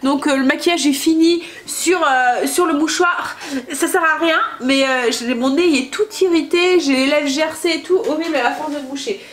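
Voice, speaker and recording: This woman in her thirties, a family vlogger, cooks in her home kitchen and chats casually, hesitant and full of fillers, her nose stuffy from a cold. She speaks at normal speed in a high-pitched voice, with slight background noise.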